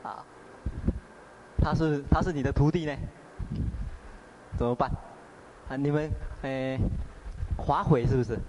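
A man's voice: medium pitch, unhurried, pauses often, darkish tone, muffled recording, slight background noise. A man teaching meditation in a conversational dharma talk, often asking his listeners questions. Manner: conversational, filler-laden, asks the audience. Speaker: Buddhist teacher.

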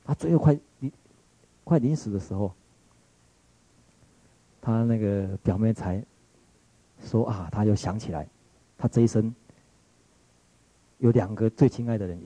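A man's voice: lowish voice, normal speed, pauses often, warm tone, slightly rough, no echo, low-quality recording. A man with a Taiwanese Mandarin accent giving a reflective lecture, retelling a story in a musing way, often searching for words and restarting.

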